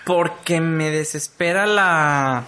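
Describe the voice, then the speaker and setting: A young man with a Mexican Spanish accent, co-hosting a podcast in slangy, animated casual chat. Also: a little high, slow. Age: young adult. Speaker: podcast co-host.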